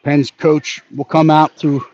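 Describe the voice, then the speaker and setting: A man giving brisk live hockey play-by-play, narrating each pass and leaning toward the home team. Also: a little high, little pitch movement, a little mellow. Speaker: play-by-play announcer. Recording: dull lo-fi audio with faint background noise.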